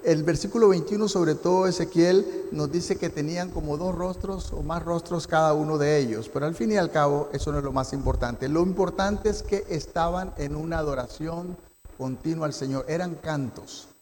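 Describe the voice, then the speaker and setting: A man's voice: a little high, normal speed, a little mellow, a little hiss or hum. A male pastor leads a Bible study, reading scripture and asking the congregation questions. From Costa Rica. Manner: teaching, reads scripture and asks the congregation questions. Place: church. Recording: long church hall reverb.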